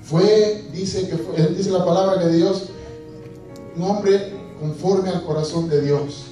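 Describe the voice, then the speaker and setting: A man's voice: high-pitched, steady tone, slow, warm tone, soft background music. A man preaching a sermon to a congregation, asking questions and acting out scripture scenes. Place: church hall. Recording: echoey church hall from far off.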